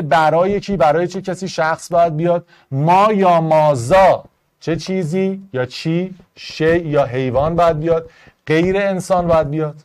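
A man teaching an online Arabic grammar class in Persian, going briskly through test answers and rules, step by step. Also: a little high. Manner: brisk, explaining step by step to students.

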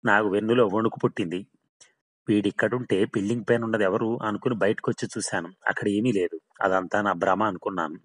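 A man's voice: on the low side, steady tone, brisk, close to an everyday voice. A man voicing the ghost of a hard-drinking male laborer who keeps swearing his tale is true, in a storybook reading. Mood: recounting.

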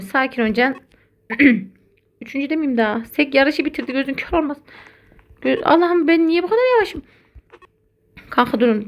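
A woman giving casual, excitable commentary while playing a video game, talking to her viewers as friends. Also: fairly high pitch. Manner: excitable, chatty, addresses viewers as buddies. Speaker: gaming content creator.

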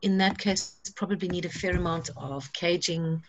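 A woman's voice: fairly low pitch, normal speed, muffled recording. A woman leading an online workshop, encouraging and practical in tone. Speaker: workshop facilitator. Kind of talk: guiding an online seed-saving workshop.

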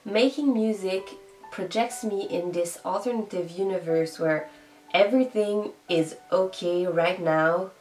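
A woman from Canada, a doctoral student, speaking calmly and reflectively. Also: medium pitch, unhurried, roomy sound, faint music behind, rough recording. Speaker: PhD student. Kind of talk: casual self-introduction.

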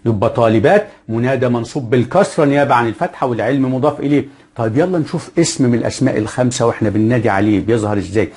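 A man with an Egyptian Arabic accent teaching a grammar lesson, asking his own questions and then answering them, and slowing down to spell out example phrases. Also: mid-range voice, darkish tone, husky.

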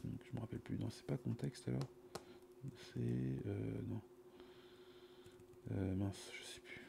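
A middle-aged man talks through his programming in a slow, low voice, casually and haltingly, often muttering to himself. The sound is that of a cheap USB mic, with faint noise and keyboard typing behind him. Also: vocal fry, dark tone. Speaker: programmer giving a live coding demonstration. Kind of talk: casual, improvised coding commentary. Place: small indoor room at a computer. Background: computer keyboard typing.

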